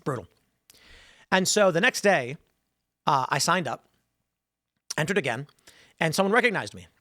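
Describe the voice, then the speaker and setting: A man's voice: a little high, animated, moderate pace, bright, forceful tone, no room sound, studio quality. A man hosting a podcast, telling stories in a rambling, emphatic casual monologue full of fillers. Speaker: podcast host.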